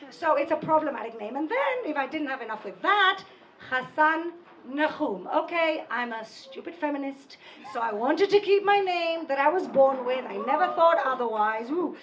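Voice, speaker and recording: A woman's voice: high-pitched, normal speed, a little hiss or hum. A middle-aged woman giving a humorous, self-deprecating personal talk on a microphone to a live audience. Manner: animated, self-deprecating, joking. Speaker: speaker at a live storytelling night. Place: live event venue with an audience. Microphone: handheld microphone.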